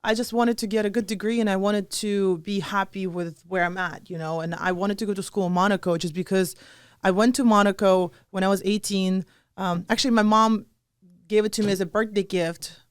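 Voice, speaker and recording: A woman's voice: mid-range voice, steady tone, a little fast, smooth, no echo, studio quality. A young woman from Russia with a Russian accent and a touch of British English, telling her story as a podcast guest in a chatty way, full of fillers. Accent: Russian, with some British English. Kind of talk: casual interview chat.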